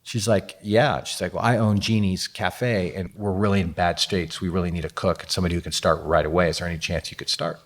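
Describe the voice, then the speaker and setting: A man's voice: deep voice, steady tone, fairly quick, hardly any pauses. A man, a guest author, telling a story on a live podcast and acting out the quoted dialogue with animation.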